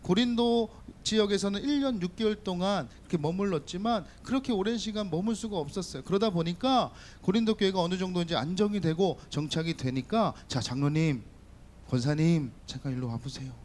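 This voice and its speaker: A man's voice: sits high, brisk, hardly any pauses, slight background noise. A man preaching as a youth pastor, talking straight to the students with questions and light jokes. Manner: lively, talks directly to students with questions and jokes. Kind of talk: sermon to teenagers. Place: church hall.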